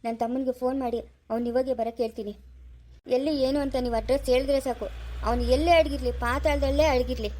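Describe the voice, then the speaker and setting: A steady, protective older village man, played by a woman in a homemade family drama. He speaks firmly and quickly, with reassurance in every line. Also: high-pitched. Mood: reassuring. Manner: firm and reassuring.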